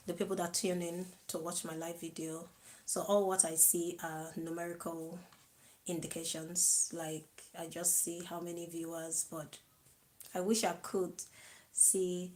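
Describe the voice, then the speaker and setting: A woman hosting her own live video, chatting slowly to viewers, greeting them and laughing softly. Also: on the low side, a little hiss or hum, poor audio. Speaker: live-stream host. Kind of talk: casual live-stream chat to viewers.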